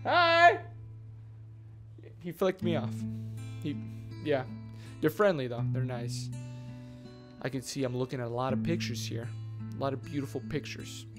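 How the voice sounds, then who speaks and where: A man commentating his gameplay from home, loud and excitable, yelling and cursing at the game. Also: mid-range voice, moderate pace, pauses often, over loud music. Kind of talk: let's play commentary. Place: home in Germany.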